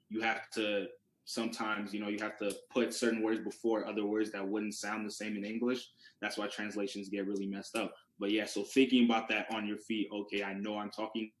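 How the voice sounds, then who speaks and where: The low-quality, roomy recording captures a young student presenter, a native Yoruba speaker with a fairly low-pitched voice. His classroom talk is casual and conversational, with restarted words and rhetorical questions used to work through the material.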